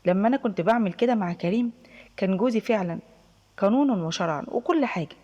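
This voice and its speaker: A woman's voice: mid-range voice, quick pace, dark tone, long reverb tail, dull audio, lightly acted. A woman with an Egyptian accent voicing her friend, a young divorced woman explaining herself earnestly and insistently.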